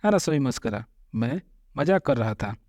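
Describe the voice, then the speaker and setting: A man teaching a spoken Arabic lesson. He says each phrase twice, slowly, then explains it word by word. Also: medium pitch, lively intonation, darkish tone, no echo. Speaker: language teacher.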